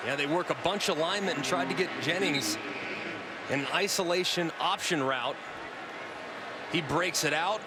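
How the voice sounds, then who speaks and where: A man's voice: a little high, moderate pace, pauses often. A man giving explanatory football analysis as a color commentator, thinking through plays from the inside. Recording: loud stadium noise behind.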